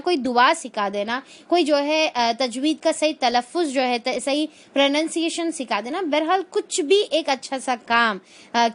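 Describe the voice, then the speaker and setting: A woman giving a religious lesson, explaining verses with everyday examples and frequent filler phrases. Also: high-pitched. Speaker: Quran teacher.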